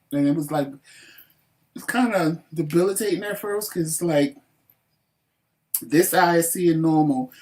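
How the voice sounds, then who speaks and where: Guy cohosting a chat show, cussing a lot, acts out what people said, sits kinda far from the mic. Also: fairly high pitch. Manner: animated, profane storytelling with acted quotes. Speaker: talk show co-host. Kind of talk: casual chat.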